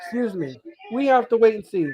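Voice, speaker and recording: A man co-hosting a live wrestling watch-along, chatting in a halting way and often repeating his phrases. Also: sits high, expressive, warm tone. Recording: dull lo-fi online stream audio.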